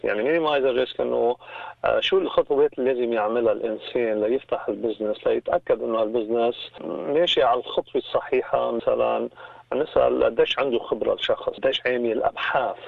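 A man, heard over a phone line on a radio show, explaining small business advice in a measured way with hesitant restarts and English terms. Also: medium pitch, vocal fry, no room sound. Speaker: small business advisor, interview guest. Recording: tinny dry phone line.

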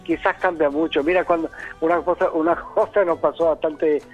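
Man, Caribbean Cuban-style Spanish accent, slightly high voice, casual interview guest, storytelling, faint music bed. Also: fairly even intonation, normal speed, lo-fi sound. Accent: Caribbean, Cuban-sounding Spanish. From Chile. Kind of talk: casual radio interview, telling anecdotes.

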